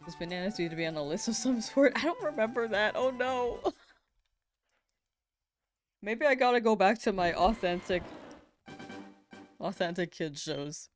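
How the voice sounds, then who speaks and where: During a casual live stream, a young woman with an expressive, mid-range voice talks at normal speed, leaving long pauses. She giggles and reads viewer messages while hunting in a game, with faint music behind her.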